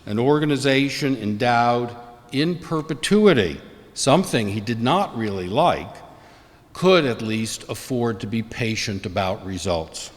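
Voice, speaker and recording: An older man delivers a prepared memorial eulogy, reading his formal remarks in a measured, deliberate way. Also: mid-range voice. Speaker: eulogist, former colleague and professor. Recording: long hall reverb.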